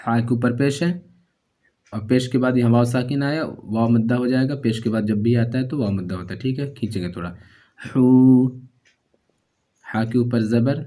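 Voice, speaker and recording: A man teaching Quran reading one step at a time, with a dark, mellow tone. He talks patiently and keeps repeating short sounds and stretched syllables. He often checks in with a quick "okay" before going on. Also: medium pitch.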